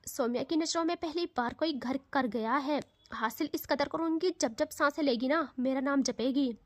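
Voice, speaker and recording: A woman voicing a possessive, obsessive young woman in an audio love story, speaking low and brooding. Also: normal speed, dry recording, lightly acted.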